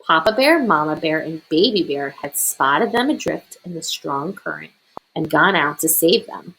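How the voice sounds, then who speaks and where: A woman reading a children's picture book aloud as a storyteller, expressive and deliberate. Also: deep voice, creaky, a little hiss or hum, low-quality recording.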